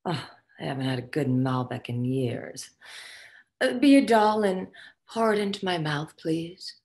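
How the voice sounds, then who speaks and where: In a comic virtual table read over video call, a woman plays the haughty, foul-mouthed ghost of a dead socialite boss, sounding imperious and condescending. Her voice is deep and darkish, a little slow, with lively, theatrical intonation.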